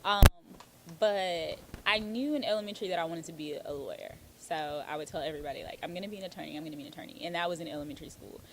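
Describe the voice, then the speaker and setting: Racing through her casual interview answers, a Houston attorney and author speaks in a low, slightly bright voice, chatty and heavy on "um" and "like." A little hiss or hum can be heard.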